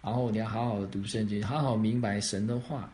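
A man's voice: on the low side, steady tone, a little fast, warm tone. A man pastor answering questions on faith, explaining step by step and often checking that he is understood.

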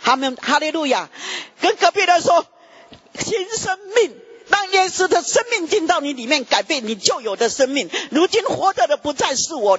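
A man preaching an emotional testimony sermon, his pitch jumping high as he tells it. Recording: dull lo-fi recording.

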